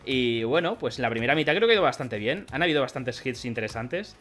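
Over soft background music, a young Spanish man with a Spanish accent talks fast in a mid-range voice while opening trading card packs for his card collecting YouTube channel. The vlog is chatty and rambling, broken up by bursts of excited shouting and laughter.

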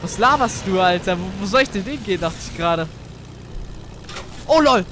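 A man giving casual gaming commentary, excitable and chatty as he plays with a teammate. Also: high voice, moderate pace, slight background noise. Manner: excitable, swears casually, talks to teammate while playing. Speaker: gamer.

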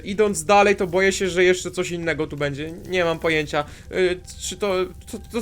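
Male gaming host, high and excitable, talks straight to viewers, quiet music under. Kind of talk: Minecraft let's play commentary.

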